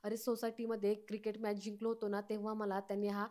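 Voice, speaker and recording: Irritable complaining young man, even-toned, read by a woman. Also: high-pitched, fast, natural voice. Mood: irritated. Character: young man, hot-tempered.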